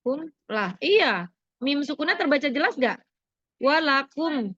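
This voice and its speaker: A woman's voice: fairly high pitch, unhurried, sharp tone, no room sound, muffled recording. A woman teacher going over a lesson with her class, asking questions and prompting students for answers. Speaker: religious studies teacher.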